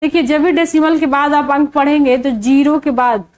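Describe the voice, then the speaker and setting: This maths lesson comes from a woman whose high voice has a darkish tone. She moves step by step at a slow, deliberate pace, quizzing the viewer and then answering her own questions, on a rough recording.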